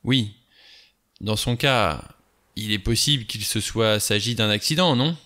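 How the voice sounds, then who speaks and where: A pushy, suspicious middle-aged ex-policeman, as a man reads him, pressing every question without letting go. The voice is bright and forceful, sitting a little low. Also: unhurried. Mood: insistent.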